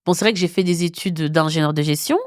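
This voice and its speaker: A woman in her thirties from Belgium, a guest entrepreneur talking casually in an interview, animated, laughing often and slipping English phrases into her speech. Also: lowish voice, quick pace, no room sound, studio quality. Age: 30s.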